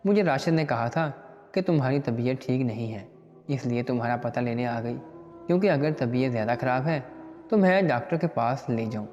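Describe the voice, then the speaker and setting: A man's voice: medium pitch, expressive, moderate pace, a little mellow, close to an everyday voice. A man voicing an older, motherly mother-in-law who fusses over her daughter-in-law in a storybook tale. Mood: concerned. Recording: dull lo-fi recording with long reverb and faint music.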